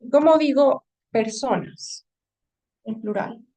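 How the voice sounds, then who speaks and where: A woman's voice: sits high, slow, mellow, distant mic, low-quality recording. A woman English teacher giving a writing lesson, explaining patiently and often checking in with her students.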